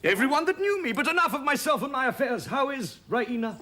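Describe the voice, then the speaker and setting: A man's voice: very high voice, animated, brisk, pushed and bright, heavily acted. A man playing a proud, bitter cavalry officer. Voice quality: grand, theatrical delivery. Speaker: cavalry major. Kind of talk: stage play acting.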